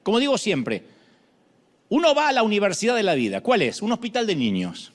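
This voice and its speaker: A middle-aged man preaching a sermon, dramatic, moving from shouts to hushed lines, with humorous asides. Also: high-pitched, wildly swooping pitch, brisk, long reverb tail.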